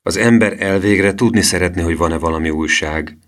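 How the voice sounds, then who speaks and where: A man's voice: low-pitched, fairly bright tone. A man voicing a sulky, rude boy who talks back and scorns the others in an audiobook. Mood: scornful.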